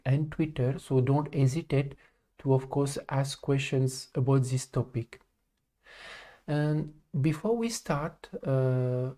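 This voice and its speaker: A man from France, hosting a live spiritual talk in a calm, halting way with frequent pauses. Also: mid-range voice. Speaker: live stream host and spiritual speaker. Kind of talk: live stream talk to viewers.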